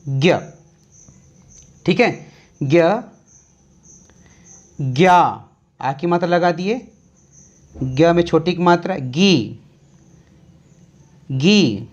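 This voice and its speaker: A teacher slowly dictating a Hindi syllable chart, calmly repeating each sound step by step for young pupils. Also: mid-range voice, highs cut off.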